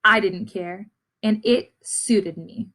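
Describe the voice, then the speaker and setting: A woman reads a storybook seed, voicing a sullen male character who is trying to reform. Her delivery is deliberate and confessional, at a medium pitch with a slightly bright tone.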